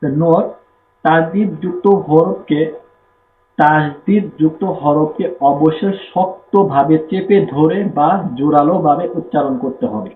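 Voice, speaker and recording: A man with a Bangladeshi Bengali accent teaching Quran reading, slowly repeating rules and asking and answering his own questions. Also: a little high. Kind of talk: step-by-step lesson with spelled-out drills. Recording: echoey room, tinny phone-like sound, faint noise.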